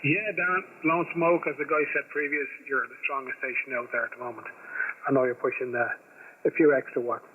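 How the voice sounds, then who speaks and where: A man, a ham radio operator calling in briskly and reading his call sign phonetically, heard over a fading shortwave radio signal. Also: mid-range voice, fairly even intonation. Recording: narrow-band radio with hiss.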